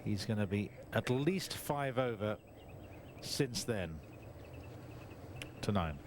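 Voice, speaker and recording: Guy with a lowish voice calling golf for tv, noisy background, old tape. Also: animated, slow pace. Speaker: on-course golf commentator. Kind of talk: live golf broadcast commentary. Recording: noisy outdoor broadcast on VHS tape.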